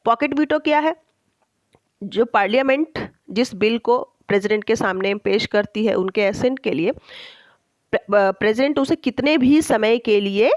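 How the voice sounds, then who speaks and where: A woman teacher explaining a textbook chapter, reading English lines slowly and checking in often with her students. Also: mid-range voice, no room sound, rough recording. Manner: slow, deliberate reading of English lines, with frequent check-ins.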